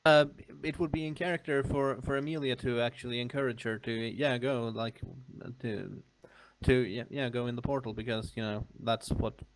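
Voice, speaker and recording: A man playing a tabletop game, explaining his reasoning in a hesitant, measured, casual way. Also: mid-range voice, low-quality recording. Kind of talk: casual group chat.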